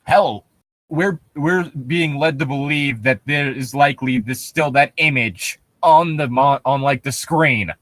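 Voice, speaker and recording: Reading a horror story aloud on his podcast, this co-host speaks in a mid-range, slightly bright voice at a measured pace, no echo. His take is casual and comedic, tearing into it with incredulous, profane remarks.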